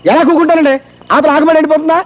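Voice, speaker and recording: A man's voice: extremely high pitch, little pitch movement, very fast. An actor playing a leering man who stammers his compliments in a film comedy, on a dull soundtrack. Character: ogling lecherous man.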